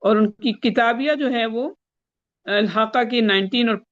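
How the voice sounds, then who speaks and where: A woman teaching Quran recitation rules in an online lesson, explaining slowly and chanting the Arabic verses. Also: fairly high pitch, dull audio.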